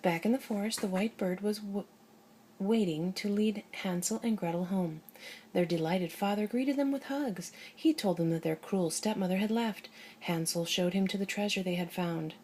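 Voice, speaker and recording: Gentle woman reading a bedtime story. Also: mid-range voice, normal speed, slight background noise. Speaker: parent reading a bedtime story to a young child.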